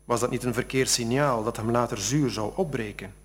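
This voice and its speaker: A man, an author, reading a passage from his novel aloud after explaining it with halting speech. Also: medium pitch, breathy edge. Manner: halting, with many fillers when talking freely.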